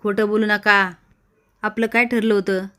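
A woman's voice: mid-range voice, flat delivery, normal speed, sharp tone, smooth, lightly acted. Brief: angry, threatening village moneylender man, read by a woman narrator.

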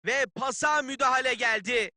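An actor playing a keen football play-by-play announcer in a video game, calling the match in clipped phrases. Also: male voice, extremely high pitch, moderate pace, sharp tone, no echo, studio quality, exaggerated voice. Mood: keen, tense.

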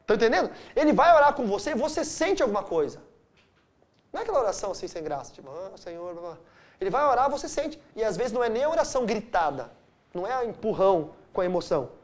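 Middle-aged male pastor from Brazil, animated Bible-study teacher, dynamic storyteller. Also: high voice, quick pace. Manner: animated storytelling with wide swings of loudness.

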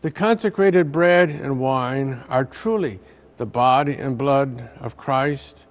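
An elderly priest, speaking in a mid-range voice, reads a prepared reflection from a book. He takes it slowly and deliberately, his words filling a large stone church.

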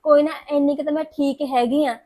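A grieving young wife who will not sit quietly at home while the police stall, played by a woman. Her voice sits very high and she presses her point with tearful insistence. She is a figure in a family drama. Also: steady tone, brisk, lightly acted. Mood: pleading. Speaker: sister-in-law in the family.

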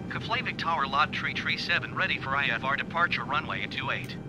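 A man, an airline pilot, talking over the aircraft radio in clipped, standard radio phrasing. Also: brisk. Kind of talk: air traffic radio call. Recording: muffled radio with loud engine rumble.

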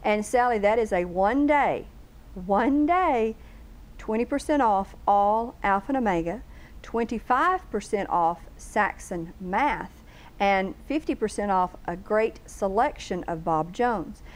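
A woman's voice: mid-range voice, lively intonation, unhurried, poor audio. A woman, a guest on a local TV talk show, explaining things earnestly and laying out long lists of questions in a studio. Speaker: homeschool bookstore guest. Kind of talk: casual TV interview chat.

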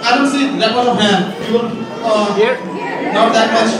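A man's voice: extremely high pitch, normal speed. A young man hosting a live quiz as a game show host, calling up contestants from the stage. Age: young adult. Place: large indoor auditorium stage. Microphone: handheld microphone through PA, recorded by audience camera. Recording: echoey hall from far off, crowd noise.

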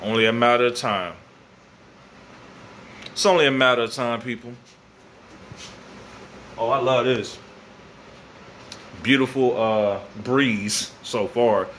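A man's voice: mid-range voice, steady tone, slow, pauses often, fairly bright tone. An American man in his thirties rambling casually to camera in slang, repeating phrases for emphasis, on a phone held at arm's length in an open garage. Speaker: vlogger. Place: open garage at night, windy weather. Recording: noisy phone recording with outdoor ambience.

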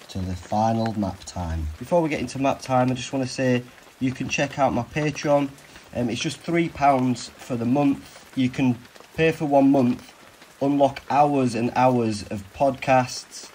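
Recorded roughly on a camera held at arm's length, a man vlogging a long hike chats casually and recaps the map on a country road and moorland. His medium-pitched, dark voice sounds tired and rambling, often laughing, with a little hiss or hum.

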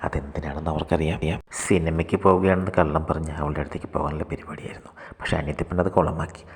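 A man narrating a short story aloud in a steady read-aloud manner. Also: extremely low pitch, quick pace. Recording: long hall reverb.

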